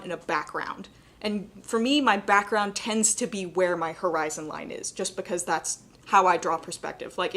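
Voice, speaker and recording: A young adult woman with a slightly cracking voice, teaching a live painting demonstration in a casual, chatty way. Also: mid-range voice. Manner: casual, chatty explaining with many "like" and "kind of". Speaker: painting instructor.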